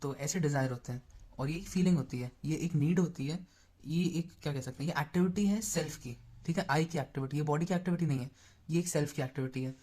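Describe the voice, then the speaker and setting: Young male tutor, chatty explainer, mellow and slightly high voice. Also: fast. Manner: chatty, explains in mixed Hindi and English terms, often checks in. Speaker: exam-prep tutor. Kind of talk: casual lecture explaining notes.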